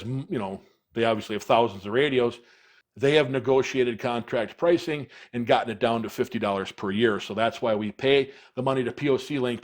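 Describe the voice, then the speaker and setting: A man gives a casual, hands-on product demonstration, talking through each step in plain, practical language. His voice is of average pitch. He comes across as a product reviewer presenting a video.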